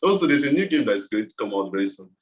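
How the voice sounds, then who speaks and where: A man's voice: on the low side, very animated, racing. A man with a West African accent talking casually as an interview guest, explaining things in a loose, informal way. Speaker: game developer being interviewed.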